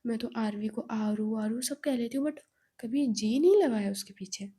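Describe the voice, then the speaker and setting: A woman's voice: fairly high pitch, moderate pace, warm tone, breathy edge. A woman voicing a chatty, outspoken young woman. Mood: emphatic. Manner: chatty, emphatic.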